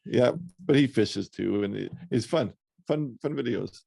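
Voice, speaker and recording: Gravelly easygoing male podcast host. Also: mid-range voice, measured pace, mellow, no echo. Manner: easygoing, hesitant with frequent uh fillers. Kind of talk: casual chat.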